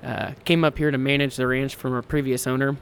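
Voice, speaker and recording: In a casual podcast interview, a hunting ranch owner from Kansas, in his twenties, rambles and downplays himself, restarting often. His high-pitched voice stays level and brisk, with slight background noise.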